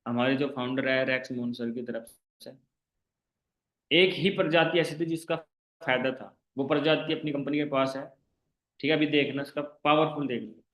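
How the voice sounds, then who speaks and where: A man giving an online sales training class, making a persuasive pitch full of rhetorical questions and constantly checking that listeners follow. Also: fairly even intonation, moderate pace, roomy sound, highs cut off. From India. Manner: emphatic, rhetorical questions, keeps asking listeners if they follow. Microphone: online class call.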